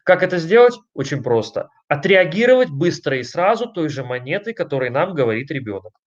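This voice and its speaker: A man giving an online lecture on family communication, talking emphatically and conversationally, putting questions to his listeners and pausing on fillers between points. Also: a little high, big pitch swings, highs cut off. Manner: emphatic, conversational, addresses listeners directly with frequent rhetorical questions.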